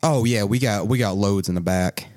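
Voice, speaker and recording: A man's voice: lowish voice, normal speed, darkish tone, soft background music, lightly acted. A man voicing a folksy male shopkeeper with a put-on Southern accent, in a tabletop game.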